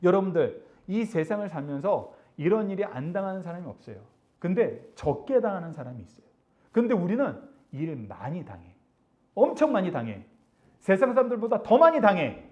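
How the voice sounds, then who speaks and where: A middle-aged man preaching to a youth group, his high voice leaping up and down as he teases and coaxes his listeners. The sound is dull and lo-fi, like an old church recording. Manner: animated, acts out classmates' taunts, drops soft and low for God's comfort. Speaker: youth pastor. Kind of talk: sermon to teenagers. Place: church service hall.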